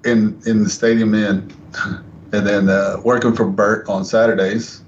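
A guest wrestler on a podcast tells rambling stories in a low, level, unhurried voice, full of fillers and restarts. The lo-fi audio is slightly dull with faint background noise.

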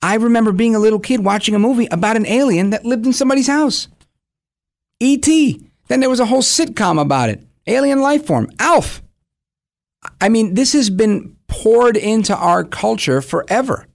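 A man's voice: high-pitched, expressive, moderate pace, creaky. A man gives opinionated, conversational commentary as a program host, acting out imagined dialogue and posing rhetorical questions. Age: 40s.

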